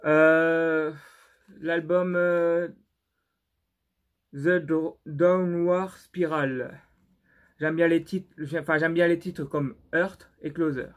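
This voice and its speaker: Hesitant young man with a halting delivery. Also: a little high, steady tone. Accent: non-native French. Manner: halting and unsure, many fillers and restarts. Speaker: YouTuber showing his CD collection. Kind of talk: casual vlog commentary.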